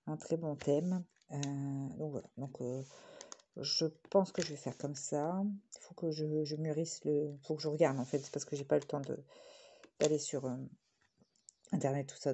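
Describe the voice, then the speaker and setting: A woman's voice: low voice, warm tone, a little hiss or hum. A woman with a northern French accent chatting casually in a vlog while she crafts, rambling with many fillers and restarts and laughing often. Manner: self-described jokey, laughs often. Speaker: vlogger.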